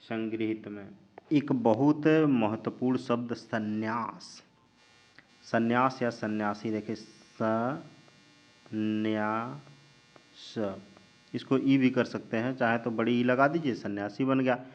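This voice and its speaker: Guy slowly spelling out words for a class, asks then answers himself, lo-fi with mains hum. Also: mid-range voice, fairly even intonation. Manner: slow, drawn-out spelling of words, asks and answers his own questions. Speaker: teacher. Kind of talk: spelling lesson while writing on a board. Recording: dull lo-fi recording with mains hum.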